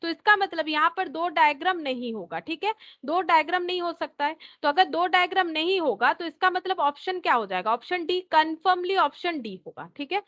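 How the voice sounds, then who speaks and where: A woman teacher with a high voice walks through a problem, repeating each step as she thinks it out. She slips English terms into her explanation. The recording sounds a little dull and lo-fi. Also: lively intonation, fairly quick, a bit bright. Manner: mixes English terms into Hindi. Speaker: reasoning teacher. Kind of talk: explaining a test question.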